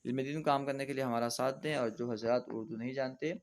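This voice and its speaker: A man teaching Urdu reading, spelling words out letter by letter and then reading them slowly and patiently. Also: medium pitch, steady tone, heavy background noise. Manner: patient explaining teacher, often says "theek hai". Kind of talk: slow spelling-out lesson.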